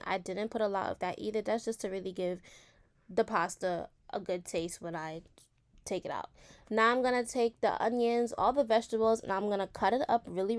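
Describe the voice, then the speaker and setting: A woman's voice: medium pitch, clean tone. A young woman in her late teens from New York talks casually through a cooking recipe, chatty and speaking straight to her viewers while repeating words for emphasis. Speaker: home cook vlogger.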